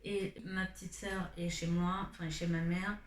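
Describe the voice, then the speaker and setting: A woman's voice: fairly low pitch, flat delivery, measured pace, a little hiss or hum. A young woman chatting to the camera in a casual vlog from a dim room at home, rambling on with self-mocking asides. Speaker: vlogger. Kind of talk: casual face-to-camera chat. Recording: roomy home room sound.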